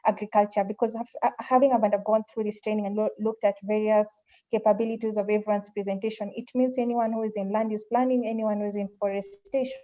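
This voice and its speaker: A woman giving a webinar pitch presentation over a video call, often repeating phrases as she searches for words. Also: fairly even intonation, fast, warm tone, muffled recording.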